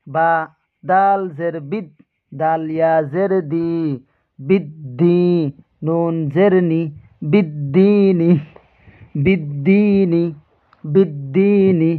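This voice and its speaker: A man teaching Quran reading, spelling out Arabic letters and syllables and repeating each word, in a drawn-out way. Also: fairly high pitch. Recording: tinny phone-like sound.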